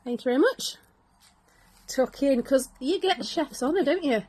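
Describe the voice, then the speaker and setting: A woman's voice: high voice, animated, moderate pace, a little mellow. A middle-aged woman chatting casually with her son as they bake at home, teasing and encouraging him and laughing often. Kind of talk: casual family chat on camera. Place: bedroom at home turned into a kitchen.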